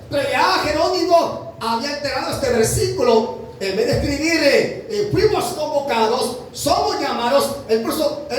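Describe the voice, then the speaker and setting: A man's voice: very high-pitched, slight background noise. A man preaching a sermon to a congregation, emphatic, asking rhetorical questions and calling his listeners brother. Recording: very echoey hall from far off.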